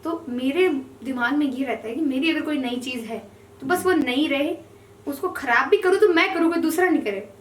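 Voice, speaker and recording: A young woman with a high voice tells childhood stories in a lively, chatty way, laughing often. She sounds a little distant from the mic, in an echoey room with faint background noise. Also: normal speed. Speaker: podcast guest. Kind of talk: casual storytelling.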